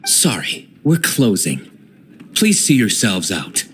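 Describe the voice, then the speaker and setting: A man's voice: fairly low pitch, huge pitch swings, takes it slowly, a bit bright, a little hiss or hum, heavily acted. A curt, brooding young nobleman. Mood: dry disdain. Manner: curt, dry, formal, disdainful. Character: brooding, aloof young nobleman vigilante posing as bartender. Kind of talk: video game voice acting.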